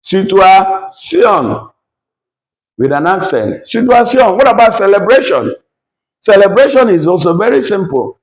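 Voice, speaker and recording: A man teaching a language lesson at a board, repeating each word slowly to drill it. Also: sits high, sing-song, low-quality recording.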